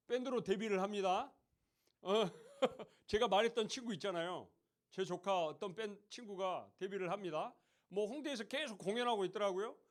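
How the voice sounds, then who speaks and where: A youth pastor with a high voice preaches to teenagers in a church hall. He keeps it conversational, often questioning his listeners and putting on mocking voices.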